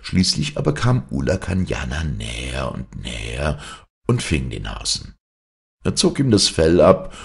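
A man narrating a fairy tale for an audiobook with an expressive, swinging delivery. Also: rumbling low, gravelly, husky. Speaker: storyteller.

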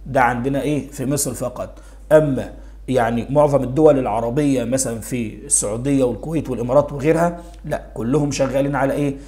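A man's voice: mid-range voice, steady tone, quick pace, warm tone. A man with an Egyptian Arabic accent teaching a primary school grammar lesson. He asks rhetorical questions and answers them himself, and he repeats key words for emphasis.

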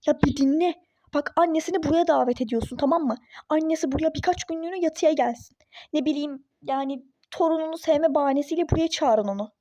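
A meddling, superstitious girlfriend in a phone-game role-play story, as a woman voices her. She nags insistently in a high, mellow voice. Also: fast, no room sound, natural voice. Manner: insistent, nagging, conspiratorial. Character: pushy superstitious young woman friend, meddling.

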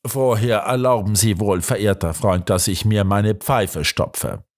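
A man voicing a composed, unhurried male master detective who speaks slowly. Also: lowish voice. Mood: relaxed.

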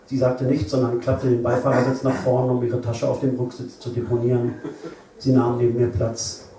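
A middle-aged male author reads his first-person prose aloud at a live event. His delivery is wry and deadpan, and his tone is mellow and dark. He sits some way from the mic, and heavy room echo hangs on every line. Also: mid-range voice, normal speed, slight background noise. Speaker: author reading his own book. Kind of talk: live literary reading, first-person narration. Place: live reading venue, indoors. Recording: echoey venue, voice from a distance.

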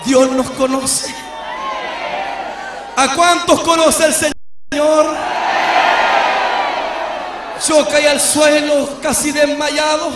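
High-pitched shouting preacher in echoey hall. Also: male voice, little pitch movement, slow, pauses often, over a noisy crowd, very noisy. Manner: shouting, addresses listeners as beloved brother. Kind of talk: shouted sermon testimony. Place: church hall before a congregation. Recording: echoey hall, mic at a distance.

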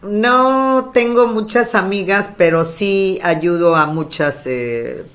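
A woman hosting a podcast in a casual, chatty storytelling manner, often pausing with fillers. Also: medium pitch, a bit bright. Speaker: podcast host. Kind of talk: casual chat.

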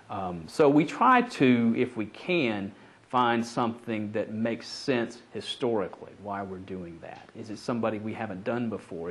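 A middle-aged American man explaining as a historian in an office interview, measured and thoughtful. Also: fairly low pitch, slight background noise. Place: indoor office.

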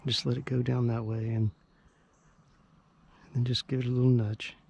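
A man's voice: mid-range voice, level tone, moderate pace, gravelly, a little mellow, breathy edge. A man chatting casually on a riverbank as he fishes, explaining what he does as he goes, picked up on a camera mic. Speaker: fishing vlogger. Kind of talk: casual narration while fishing. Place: outdoors on a riverbank at dawn. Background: faint birds and outdoor ambience.

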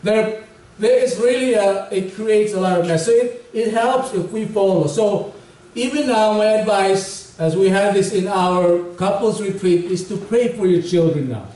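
A man's voice: sits high, moderate pace, mellow. A middle-aged male pastor preaching a conversational sermon with humor, heard from a distance in a church hall. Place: church hall stage with large windows behind. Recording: echoey hall, voice from far off.

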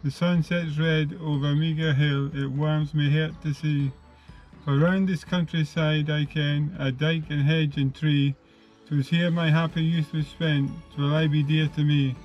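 An older Scottish man outdoors, reciting a dialect poem in a steady, measured way. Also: a little high, highs cut off, soft background music. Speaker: hiking companion. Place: outdoors by a village notice board.

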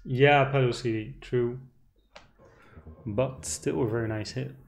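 A man's voice: medium pitch, steady tone, slow pace, vocal fry, slight background noise. A man streaming slot games, chatting casually and greeting viewers by name as he spins. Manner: chatty, reads out viewer names, cheers at the slot. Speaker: casino streamer. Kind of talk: casual live-stream chat.

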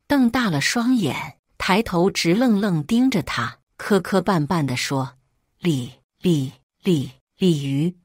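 Expressive woman storyteller. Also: lowish voice, no room sound, clean studio sound. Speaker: story reader. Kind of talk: scripted first-person story narration.

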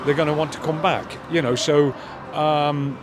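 A man's voice: a little high, steady tone, normal speed, background noise. An older man, a football fan and grandfather, chatting thoughtfully in a street interview with many fillers, held mic outdoors. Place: outdoors by a stadium car park. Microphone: handheld mic held by interviewer.

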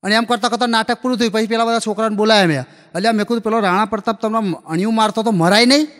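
High-voiced man telling folksy stage jokes. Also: very fast, fairly bright tone. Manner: folksy anecdotal delivery, acts out dialogue. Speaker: stand-up comedian telling school jokes. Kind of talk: live stand-up storytelling. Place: live comedy stage before an audience. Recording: long hall reverb from a live show.

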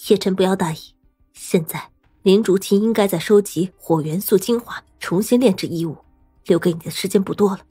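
Brief: woman doing a grave mentor voice in an audio storybook, urgent warning, husky tone, soft music under. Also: mid-range voice, a little fast, no echo.

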